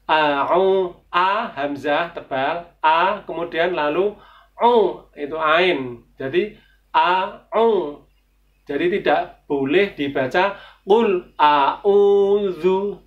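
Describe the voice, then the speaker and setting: A man's voice: on the high side, far from the mic. A man teaching Quran reading, over-enunciating and sounding words out syllable by syllable. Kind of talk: instructional lesson with slow Quran recitation. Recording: dull, lo-fi sound.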